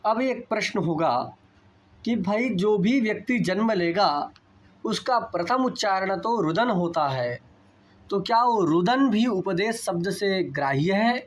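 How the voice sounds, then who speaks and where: A man lecturing on Sanskrit grammar, explaining terms deliberately and repeating key points for his students. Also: high-pitched, animated.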